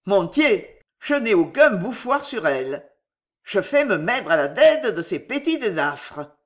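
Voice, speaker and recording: Une femme qui prête sa voix à un vieux baron crédule et amoureux, à l'accent allemand prononcé et aux consonnes écorchées. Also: female voice, medium pitch, sing-song, takes it slowly. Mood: fiévreux. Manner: thick German accent put on, mangled French consonants. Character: old German-accented male baron, lovesick and gullible.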